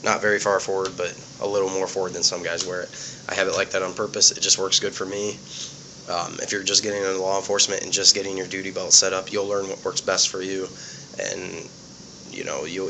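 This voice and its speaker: In a deep, sharp-toned voice, a man recovering from a cold sounds sniffly as he casually explains his police gear in simple, plainspoken language. The audio is poor, with slight background noise.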